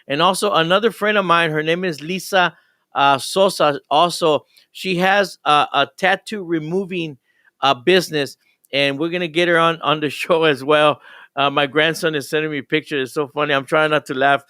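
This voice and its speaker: A man's voice: a little high, fairly even intonation, moderate pace, bright, forceful tone, no room sound, clean studio sound. An older man, a pastor hosting a live radio show, talking in an enthusiastic, rambling way with frequent restarts.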